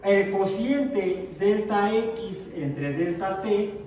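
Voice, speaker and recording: Speaking extremely slowly in a high, mellow voice, a male physics teacher cracks jokes and throws questions at his class. The room echoes, the mic is distant, and there's slight background noise.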